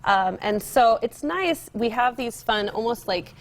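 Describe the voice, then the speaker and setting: Young American woman, slightly high voice, chatty store expert demonstrating decor on a TV segment. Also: animated, unhurried. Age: young adult. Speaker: guest home decor store representative. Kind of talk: casual TV demonstration interview. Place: TV studio set, indoors.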